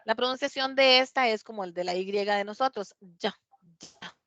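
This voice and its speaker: A woman teaching an English pronunciation lesson, explaining patiently step by step and slowly repeating words to model them. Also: a little high, fairly bright tone, no room sound, highs cut off. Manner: patient, explains step by step, asks "¿verdad?" often.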